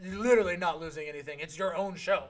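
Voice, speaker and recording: Young male podcast co-host, high voice, loose joking banter. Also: quick pace. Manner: joking, rambling, self-correcting. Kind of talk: casual chat.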